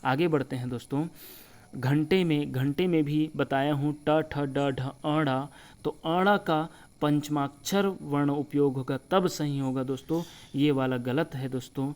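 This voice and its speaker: A man teaching a spelling lesson over slides, slowly spelling out letters and often reminding viewers to remember. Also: on the high side, steady tone, darkish tone. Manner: repeats the word for friends and reminds viewers to remember; slow deliberate spelling-out of letters. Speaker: Hindi teacher.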